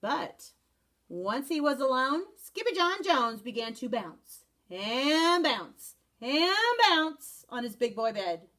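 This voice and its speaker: Animated woman reading a storybook. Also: sits high, slow pace. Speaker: first-grade teacher. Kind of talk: reading a picture book aloud.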